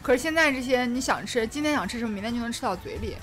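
Higher-voiced woman in casual conversation. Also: animated, rapid-fire. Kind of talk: casual group chat. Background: faint background music.

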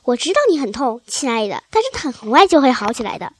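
A woman voicing a tender, worried mother fox in a storybook reading, speaking gently and soothingly. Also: fairly high pitch, very animated, fast talker, no room sound.

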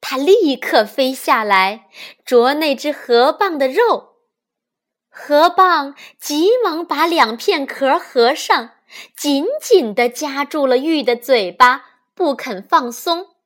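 A woman hosting a children's reading show, telling fables to the listeners in a gentle storytelling voice. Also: high voice, lively intonation, slow pace. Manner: gentle, addresses listeners as darlings. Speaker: children's textbook reader, host.

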